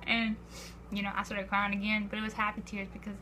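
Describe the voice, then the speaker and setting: Excitable teen girl vlogger, bright voice. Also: medium pitch, brisk, a little hiss or hum. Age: teens. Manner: breathless, repeats "I was like", acts out quotes. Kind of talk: excited storytelling vlog.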